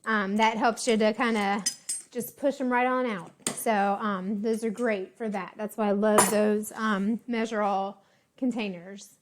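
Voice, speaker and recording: A woman casually demonstrating a baking recipe, chatty and relaxed with frequent ums and little asides. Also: medium pitch, a little slow, noisy background. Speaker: home baking instructor.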